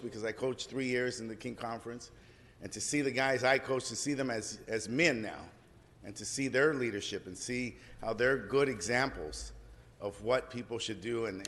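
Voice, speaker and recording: A man's voice: medium pitch, a bit bright. A mature man giving an informal ceremonial speech as a council member, folksy and building on repeated phrases. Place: large council chamber. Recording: echoing hall with background noise.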